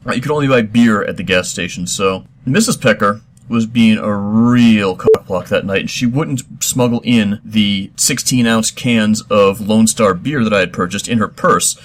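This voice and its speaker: A middle-aged man hosting a comedy show, answering listener questions in a deadpan, mock-serious, rambling way. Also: lowish voice. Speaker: host.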